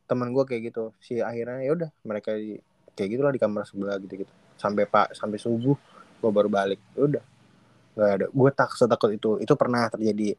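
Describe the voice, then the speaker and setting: A young man, telling an animated, slangy story on a podcast and acting out the dialogue. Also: on the low side, fast, dry recording. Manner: animated, slangy, swears casually, acts out dialogue.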